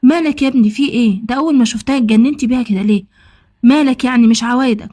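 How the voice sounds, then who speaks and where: A woman with an Egyptian accent tells a story in the first person as a man of about thirty, talking fast and acting out the dialogue herself. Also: a little high, dark tone, natural voice. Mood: eager. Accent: Egyptian Arabic. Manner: rapid, conversational retelling with quoted dialogue. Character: man around thirty, newly married, smitten and confessional.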